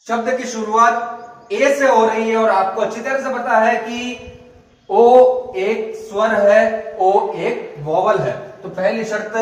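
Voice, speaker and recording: A male teacher giving a grammar lesson, patiently spelling words out letter by letter. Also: high-pitched. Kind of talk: classroom lesson explaining grammar. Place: classroom or school room. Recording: echoey room, voice from far off.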